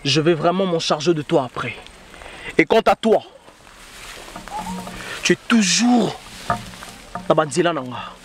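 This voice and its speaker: A man's voice: on the high side, animated, unhurried, pauses often, a crowd in the background. A man with a Congolese French accent playing a jealous young man who orders and pleads with his pregnant girlfriend. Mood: threatening. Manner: commanding, then pleading and shouting.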